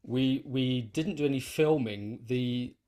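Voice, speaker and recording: This interview guest, a composer and conductor, speaks slowly in a mid-range, dark-toned voice. He explains his work casually, as if in conversation, thinking aloud and repeating phrases as he goes.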